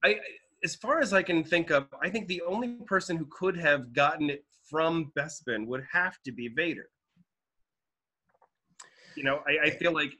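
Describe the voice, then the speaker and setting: A man's voice: on the high side, bright, forceful tone. A man co-hosting a casual film-discussion podcast, thinking aloud and speculating, often restarting his sentences. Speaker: podcast co-host.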